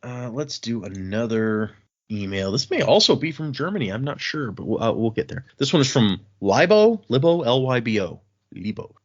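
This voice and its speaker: On a muffled recording, a man with a medium-pitched voice hosts a podcast at a moderate pace. He sounds relaxed, chatting casually and reading listener emails while rambling with loose fillers and restarts.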